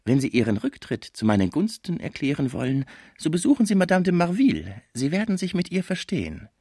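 A man voicing a sly, menacing male lawyer who sneers and mocks in a high, sharp voice. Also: very animated, fairly quick, breathy edge, no echo, studio quality, heavily acted. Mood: satisfied.

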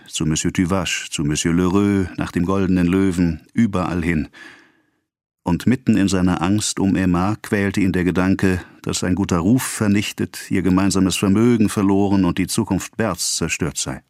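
A man reading a classic novel aloud as an audiobook narrator, in a measured, even storytelling manner. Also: low-pitched, no room sound, studio quality.

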